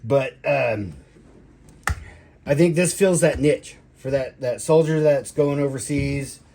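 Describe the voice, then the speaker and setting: Male reviewer, mid-pitched, slow and rambling, halting casual delivery with faint background noise. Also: gravelly, warm tone. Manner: halting, drawn-out delivery with trailing phrases. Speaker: product reviewer, military veteran.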